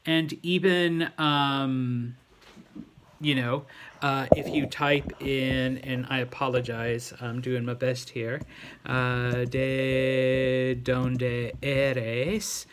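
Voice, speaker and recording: A middle-aged man giving an informal tutorial as a language teacher, talking haltingly and often checking in with his listeners. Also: mid-range voice, steady tone, noisy background. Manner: halting, with frequent check-in questions. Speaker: Spanish teacher. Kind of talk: informal tutorial for students, demonstrating on a computer.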